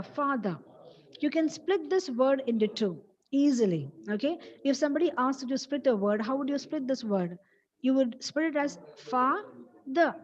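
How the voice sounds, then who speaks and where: A woman's voice: sits high, darkish tone. A woman with a Malayali accent giving an online English lecture, patiently explaining each point and repeating example words while mixing English and Malayalam. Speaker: college English teacher. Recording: dull lo-fi audio.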